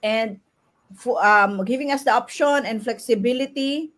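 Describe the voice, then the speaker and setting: A woman hosting a casual live stream from her home, chatting warmly with Filipino fillers. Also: fairly high pitch, normal speed. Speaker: host. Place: home in New Zealand.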